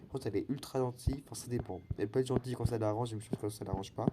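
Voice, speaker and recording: A man's voice: mid-range voice, rapid-fire, very noisy. A teenage boy chatting casually over his gameplay, rambling with many fillers and restarts in a slightly cracking, wavering voice. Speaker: gaming channel host.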